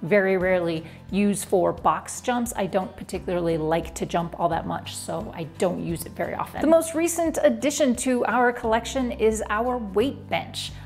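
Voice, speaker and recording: A woman's voice: mid-range voice, moderate pace, few pauses, faint music behind. Upbeat woman touring her home gym. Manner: upbeat, chatty, direct to camera. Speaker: fitness vlogger. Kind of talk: home room tour vlog. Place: basement home gym, indoors. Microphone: lapel mic.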